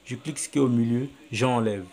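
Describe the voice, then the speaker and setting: A fairly fast-talking man with a mid-range, somewhat dark voice records his screen while showing how to edit video on a phone app. His delivery is methodical and repetitive, as he voices his thoughts and restates each step while working.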